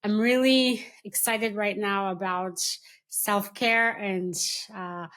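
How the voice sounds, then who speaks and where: A woman in her forties, originally from Kenya, chatting as a podcast guest. She talks at a middle pitch, unhurried and reflective, with frequent pauses and fillers. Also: fairly even intonation, a bit bright. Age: 40s. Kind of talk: casual interview chat.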